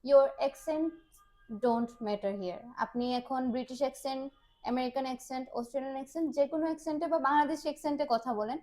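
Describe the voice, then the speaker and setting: A woman's voice: high voice, brisk, dark tone. A woman, a business development manager, explaining a test's format in an interview. She speaks mixed with English phrases, with many "ah" fillers.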